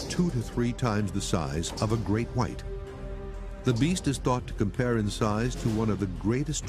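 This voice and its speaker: A man reading scripted narration as the narrator of a documentary. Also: fairly low pitch. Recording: loud music under the voice. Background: music.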